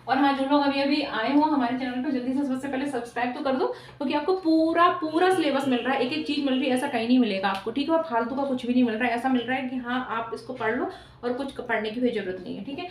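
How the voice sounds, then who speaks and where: Speaking fast in a high voice, a woman delivers an exam-prep whiteboard lecture in a classroom, repeating "ठीक है" and posing rhetorical questions to quiz the class. Her voice comes from off-mic in an echoey room, with slight background noise.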